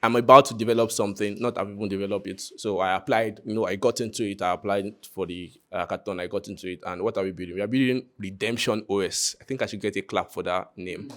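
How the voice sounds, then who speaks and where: Nigerian guy pitching his project, kinda low voice, jokey and chatty, talks straight to the listeners. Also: fairly even intonation, fast talker, few pauses, a bit bright. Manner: joking, conversational, addressing listeners directly. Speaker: content creator presenting a hackathon project. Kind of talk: informal live project presentation.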